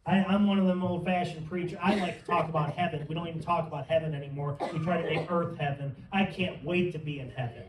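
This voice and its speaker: A man's voice: a little high, steady tone, fast talker, hardly any pauses, crowd noise. A man preaching a sermon in church, fervent and building to emphatic peaks. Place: church sanctuary. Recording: roomy sound from some distance.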